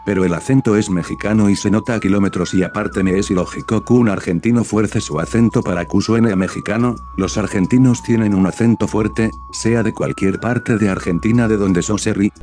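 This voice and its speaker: A man reading out viewer questions in a flat, even delivery. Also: on the low side, brisk.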